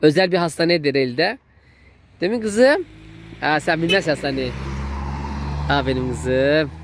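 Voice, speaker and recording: A man's voice: a little high, animated, fairly quick, a little hiss or hum. A man in his thirties filming a casual family vlog, chatty and affectionate with the children. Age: 30s. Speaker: vlogger, uncle.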